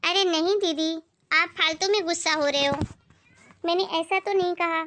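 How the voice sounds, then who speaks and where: Woman doing polite dutiful young daughter-in-law, respectful, very high bright voice, family skit. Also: normal speed, a little hiss or hum. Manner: respectful, soft-spoken.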